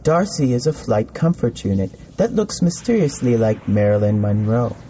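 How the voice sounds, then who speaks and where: A man's voice: medium pitch, lively intonation, normal speed, mellow, a little hiss or hum. A man telling a playful, campy sci-fi story in scripted narration.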